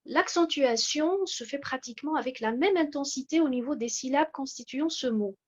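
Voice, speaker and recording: A woman giving a measured, explanatory lecture from slides, pausing often with hesitations. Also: high-pitched, lo-fi sound. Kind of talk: slide-based lecture on word stress.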